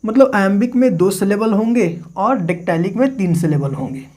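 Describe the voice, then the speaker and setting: A man teaching a literature lesson in a patient lecture manner. He keeps asking his listeners questions and then answering them himself. He says each key term slowly, twice, so it can be written down. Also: high-pitched, mellow. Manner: repeats key terms slowly for dictation. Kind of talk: classroom-style lecture.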